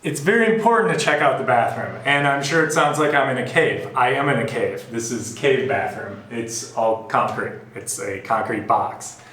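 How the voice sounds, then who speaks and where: A man's voice: mid-range voice, expressive, normal speed, few pauses, fairly bright tone. A man vlogging casual travel tips from a bare concrete bathroom, his voice echoing like in a cave. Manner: chatty, giving tips. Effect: cave-like echo from the bare concrete walls. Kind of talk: casual walkthrough.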